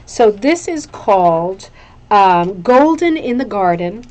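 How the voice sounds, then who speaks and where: Woman, casual craft show host, mid-pitched voice, effusive, rambling, chatty, repeats herself for emphasis. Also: very animated, slow, darkish tone. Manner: effusive, gushing over items, repeats phrases for emphasis. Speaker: craft show host presenting viewers' hooked rugs.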